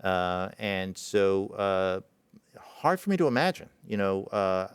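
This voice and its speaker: A middle-aged man from Israel speaks in a low, smooth and resonant voice. He tells a personal story haltingly and reflectively, with many fillers and restarts. The sound is dry and close, with no room echo. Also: very animated. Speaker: presenting physician.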